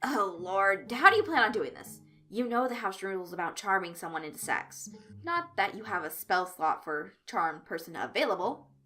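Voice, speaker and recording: A woman's voice: medium pitch, expressive, moderate pace, sharp tone, faint music behind. A woman reading a fanfic aloud, voicing an exasperated teenage boy running a tabletop game.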